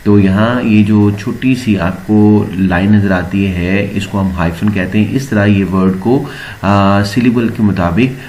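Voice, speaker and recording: A man explaining a word processor step by step in a screen-recorded tutorial, pausing often with filler sounds. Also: fairly low pitch, a little hiss or hum. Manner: steady explaining with frequent filler pauses. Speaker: computer teacher.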